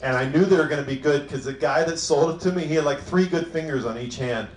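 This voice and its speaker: A man's voice: fairly high pitch, fast, reverberant, a little hiss or hum. A man from Cleveland performing a self-deprecating, crude stand-up set on a club stage. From Cleveland, Ohio. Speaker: stand-up comic.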